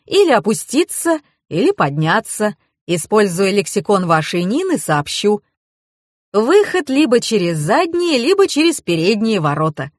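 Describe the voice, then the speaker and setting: A woman voicing a pedantic male expert who lectures in a wordy, deadpan way. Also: mid-range voice, moderate pace, dry recording, clean studio sound. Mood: lecturing.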